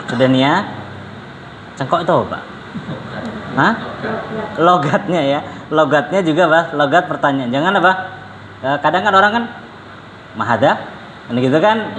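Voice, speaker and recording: A man's voice: a little high, a bit bright. A man teaching an Arabic lesson to adults in a classroom, patiently drilling phrases and drawing out question intonation. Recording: echoey room with faint background noise.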